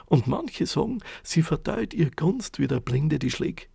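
A man telling a fairy tale in a lively, folksy, dialect-tinged way. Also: a little high, unhurried, creaky, breathy edge, dry recording, studio quality. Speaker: storyteller. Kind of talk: spoken fairy tale narration.

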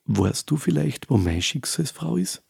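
A man's voice: fairly high pitch, very animated, measured pace, vocal fry, darkish tone, slightly rough, full character voice. A man voicing a humble, kind peasant girl who talks politely and coaxingly in a folk tale.

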